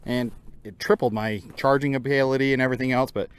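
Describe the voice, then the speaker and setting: A man at an ordinary mid pitch hosts his own hobby videos. He chats loosely to the camera and keeps turning to his viewers with questions. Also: fairly even intonation, fast, smooth. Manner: chatty, addresses viewers directly. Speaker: hobbyist channel host. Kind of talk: casual talk to camera.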